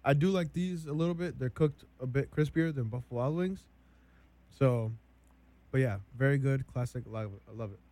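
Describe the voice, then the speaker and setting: A young man co-hosting a food taste test, reviewing each dish slowly and deliberately with many ums. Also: mid-range voice, dark tone. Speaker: co-host.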